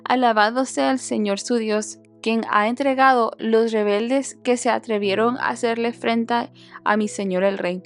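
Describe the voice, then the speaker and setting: A woman's voice: fairly high pitch, steady tone, a little slow, smooth, soft background music. A woman reading the lines of an eager young male messenger, earnest and pleading. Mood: reverent.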